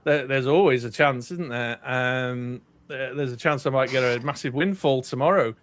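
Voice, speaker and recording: The middle-aged podcast co-host from North Wales chats casually in a British accent at normal speed and mid-range pitch. He rambles, with frequent ums and restarts.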